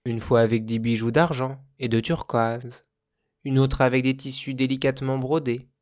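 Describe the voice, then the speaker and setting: A man reading a folk tale aloud in a calm, measured storybook narration. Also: mid-range voice, dry recording, clean studio sound.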